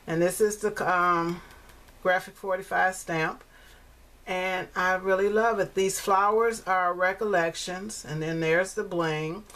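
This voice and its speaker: A woman in her sixties showing her handmade card in a chatty vlog, repeating herself and filling pauses with ums. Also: lowish voice, steady tone, a bit bright. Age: 60s. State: coughing, choking on fumes. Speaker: crafting vlogger. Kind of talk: casual show-and-tell vlog.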